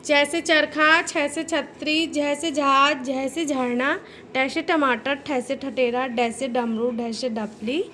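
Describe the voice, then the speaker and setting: A woman teacher with a Hindi accent gives a children's grammar lesson. She sounds out each letter slowly and carefully and calls her young listeners "beta". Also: high voice, fairly bright tone, a little hiss or hum. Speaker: school teacher.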